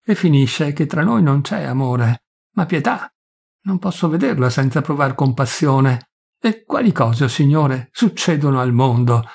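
A man's voice: mid-range voice, lively intonation, unhurried, gravelly, darkish tone, husky, full character voice. A man voicing a poor young village priest, pleading and self-accusing in shame. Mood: anguished.

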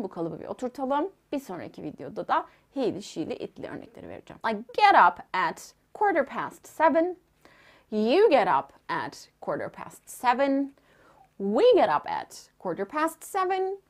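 A young adult woman teaching a language lesson, saying example sentences slowly and clearly and translating each one. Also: on the high side. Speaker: English teacher.

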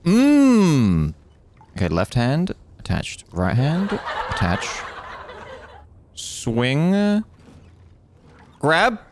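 A man's voice: fairly high pitch, wildly swooping pitch, very slow, pauses often, a little mellow, a little hiss or hum. A man giving casual live commentary as he plays a game, muttering wry reactions. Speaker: game streamer.

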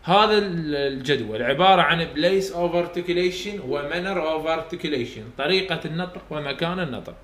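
A man's voice: a little high, moderate pace, few pauses, a bit bright, reverberant. A man with an Iraqi Arabic accent teaching English phonetics, explaining step by step and repeating sounds aloud for students to copy. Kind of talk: recorded lecture for students.

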